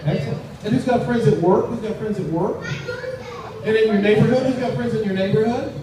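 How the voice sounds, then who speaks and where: A man with a high voice speaks briskly while hosting a live children's magic show, using theatrical, repetitive patter and teasing build-ups aimed at his audience. The live recording is echoey, noisy, and distant.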